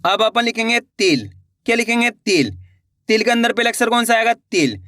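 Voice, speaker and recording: Man, high voice, patient Hindi reading teacher, slow syllable-by-syllable lesson, repeats and quizzes, dry close recording. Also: animated, sharp tone, no echo. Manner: patient, repeats words and asks questions back.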